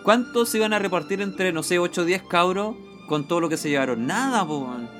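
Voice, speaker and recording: A Chilean man with a Chilean accent, joining a casual chat with quick, laughing reactions. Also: sits high, lively intonation, fairly bright tone, soft background music.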